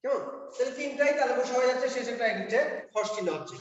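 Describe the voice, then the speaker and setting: Male language teacher, high voice, patient step-by-step explainer; echoey, dull lo-fi hall recording. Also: racing. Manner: explains step by step, checks in with "কেমন?" and "ঠিক আছে?". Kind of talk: classroom pronunciation lesson.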